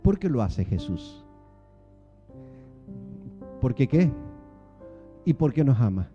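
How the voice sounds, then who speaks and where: A man preaching a sermon in a church with an Argentine Spanish accent, animated and full of rhetorical questions to the congregation. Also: mid-range voice, slow pace, highs cut off, faint music behind. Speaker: pastor.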